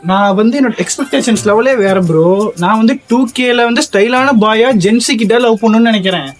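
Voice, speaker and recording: A woman's voice: on the high side, fairly quick. Bossy young woman scolding. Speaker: comedy sketch actor. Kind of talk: comedy sketch acting.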